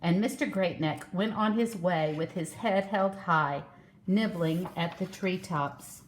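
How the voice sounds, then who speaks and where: A woman reading a children's story aloud in a slow, expressive way. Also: mid-range voice. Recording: echoey room.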